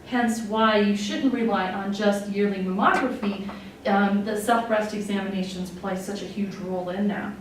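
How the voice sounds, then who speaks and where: A nurse executive in her forties from Wyoming, USA, tells her own story candidly and conversationally, full of fillers and open emotion. Her voice is medium-pitched with fairly even intonation at a normal speed. The room echoes, the mic is distant, and there's faint noise.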